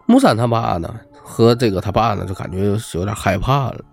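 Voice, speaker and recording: A man, telling a spooky true story in a chatty, animated way and acting out the quotes. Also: fairly low pitch, fairly quick, vocal fry, slightly rough, soft background music. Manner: lively, chatty, acts out quotes. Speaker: storyteller host. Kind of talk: casual ghost-story narration.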